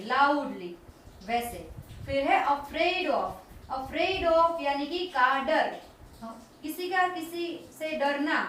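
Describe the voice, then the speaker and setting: A woman teaching a children's vocabulary lesson, explaining each word slowly and repeating it. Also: sits high, fairly bright tone, a little hiss or hum. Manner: slow, repetitive word-by-word explaining. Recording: very echoey room, distant mic.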